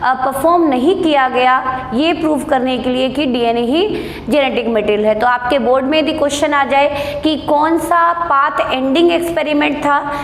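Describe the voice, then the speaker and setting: High-voiced Indian woman teaching biology in an echoey classroom. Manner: switches between quick Hindi and slow, deliberate English dictation; addresses students as beta, asks and answers own questions. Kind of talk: classroom lecture. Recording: echoey room, faint noise.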